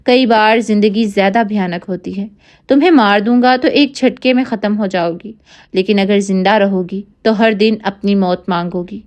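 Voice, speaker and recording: A woman's voice: medium pitch, darkish tone, lightly acted. A woman reading the lines of a vengeful, cold-hearted man in an audio novel.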